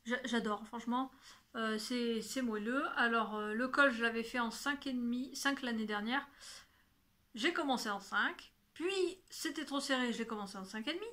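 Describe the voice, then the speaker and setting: A woman's voice: on the high side, normal speed, sharp tone. A woman hosting a knitting video podcast, chatting casually and often correcting herself while showing her work. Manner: shows knitting and yarn as she talks. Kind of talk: casual chat to camera.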